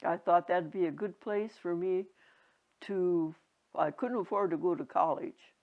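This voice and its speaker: A very old woman in her nineties reminiscing casually, halting and rambling, with a creaky aged voice. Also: lowish voice. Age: 90s. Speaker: interviewee. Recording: dull lo-fi home recording.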